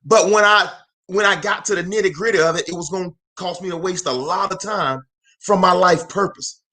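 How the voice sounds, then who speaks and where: Pushed, bright, and high-pitched, the voice runs a little fast. It belongs to a motivational speaker and host in his forties, fervently delivering a live talk in preacher-style cadence while repeating phrases and calling to viewers.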